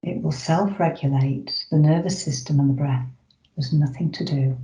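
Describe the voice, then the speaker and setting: A meditation guide leading a breathing exercise in a soft, slow, soothing voice, with long pauses and moments that sink toward a whisper. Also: mid-range voice, steady tone. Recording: roomy, slightly dull recording.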